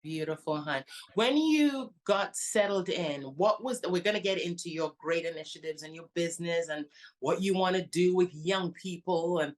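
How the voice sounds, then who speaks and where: Affectionate woman show host, low-pitched. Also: normal speed. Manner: affectionate, calls guest honey and hon. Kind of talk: interview hosting.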